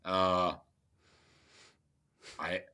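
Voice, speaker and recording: A man's voice: low voice, little pitch movement, very slow, bright, forceful tone, clean tone. A man co-hosting a radio show who jokes around and guesses uncertainly at trivia. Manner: joking, unsure guesser. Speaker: radio co-host and trivia contestant. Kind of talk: casual radio banter.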